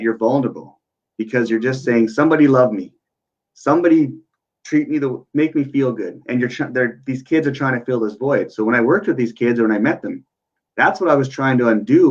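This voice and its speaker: A man's voice: mid-range voice, lo-fi sound. A man speaking as an interview guest about working with youth, explaining earnestly with frequent fillers. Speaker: guest, youth worker and parenting coach.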